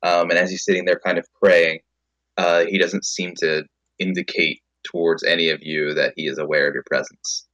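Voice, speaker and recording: A man's voice: low-pitched, little pitch movement, a bit bright, dull audio. A man running a tabletop game as game master, describing scenes and speaking for the characters, with frequent ums and restarts. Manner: halting, with many ums and restarts.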